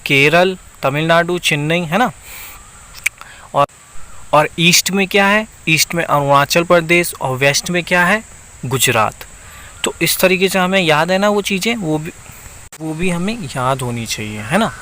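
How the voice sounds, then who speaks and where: A man teaching a map lesson, speaking slowly and repeating himself, often checking in with the viewer. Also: fairly high pitch, lively intonation, sharp tone, slight background noise, poor audio. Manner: slow, repeats itself and keeps checking in with the viewer.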